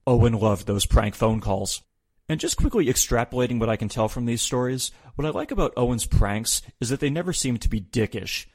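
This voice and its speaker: A man's voice: mid-range voice, no room sound. A man hosting a podcast, reading a wry, opinionated recap with the odd swear. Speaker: podcast host. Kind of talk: scripted recap narration.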